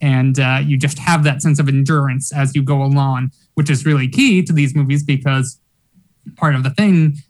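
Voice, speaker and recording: A man with a somewhat high voice talks through a film in a relaxed conversational chat. He gets eager as he explains, piling up details one after another. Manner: enthusiastic, detailed analysis. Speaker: podcast co-host. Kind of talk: casual film discussion.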